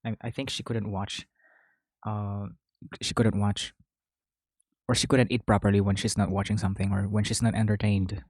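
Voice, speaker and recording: A man's voice: on the low side, little pitch movement, moderate pace, long pauses, a little mellow, dry recording, studio quality. A man hosting a podcast, chatting casually while eating, rambling and correcting himself between bites. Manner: rambling, chewing between phrases, self-correcting. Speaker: podcast host.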